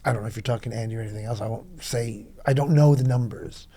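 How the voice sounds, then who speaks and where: A middle-aged man rambling through club memories in a casual podcast chat, full of quick asides. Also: mid-range voice, vocal fry, warm tone, breathy edge. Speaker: club veteran guest.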